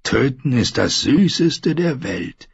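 A man reading an audiobook, voicing a scarred, brutal warrior who talks in a gruff, scornful, growling way. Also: medium pitch, big pitch swings, takes it slowly, dry recording, dull audio, voice pushed up, exaggerated voice. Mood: menacing. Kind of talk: audiobook character voice.

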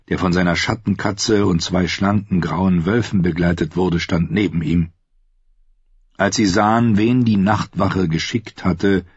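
A man narrating a fantasy audiobook in an even, steady storytelling manner. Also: low-pitched, husky, no echo. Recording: slightly dull, dry studio recording.

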